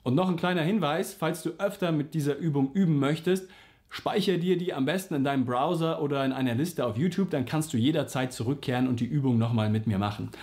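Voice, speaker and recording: A man's voice: a little high, fast, darkish tone. A man teaching a singing lesson, explaining simply and patiently, and sometimes singing vowel slides to show an exercise. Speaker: vocal coach.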